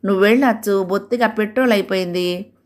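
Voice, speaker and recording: A woman's voice: medium pitch, quick pace, natural voice. A woman voicing a timid, henpecked husband who speaks meekly. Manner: meek, fearful.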